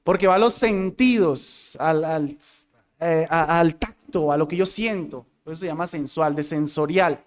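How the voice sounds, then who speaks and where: A male pastor with a fairly high, unhurried voice teaches his congregation a sermon, speaking to them directly. He demonstrates voice inflections by acting out tones as examples.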